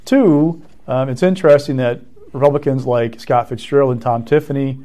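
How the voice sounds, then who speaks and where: Mellow-voiced man, political reporter. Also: mid-range voice, steady tone, moderate pace. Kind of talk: political analysis on a talk show.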